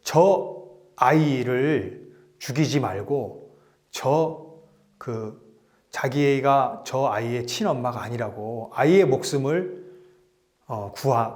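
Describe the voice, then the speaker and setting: A man voicing a wise old king who hands down his judgment slowly and solemnly. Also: medium pitch, a little mellow, lightly acted. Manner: slow solemn pronouncements.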